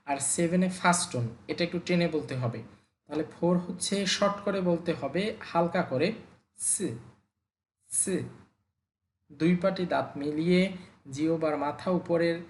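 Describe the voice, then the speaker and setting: A language teacher giving an online lesson, explaining calmly step by step and repeating each word twice for drilling. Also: medium pitch, roomy sound.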